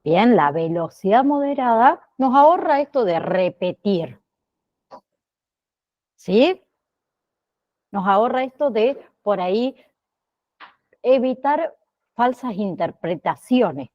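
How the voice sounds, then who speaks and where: Slow-talking woman teaching an online class. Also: on the high side, animated, darkish tone, highs cut off. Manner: slow, checks in with frequent "¿sí?" and "¿bien?".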